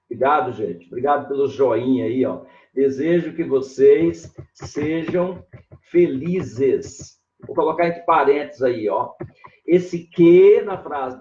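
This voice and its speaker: Man, grammar teacher, very slow unhurried delivery, repeats "ó" to point things out, dull lo-fi recording. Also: mid-range voice, a little mellow. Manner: explains slowly, drawing out key words and repeating "ó"; greets viewers by name mid-lesson. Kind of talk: live online grammar lesson. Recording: echoey room, dull lo-fi sound.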